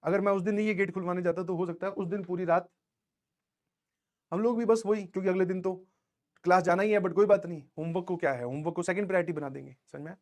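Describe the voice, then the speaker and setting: High-voiced male teacher, chatty pep talk. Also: steady tone, fast talker, darkish tone. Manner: conversational, keeps checking in with listeners; tells personal anecdotes. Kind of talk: motivational talk to students.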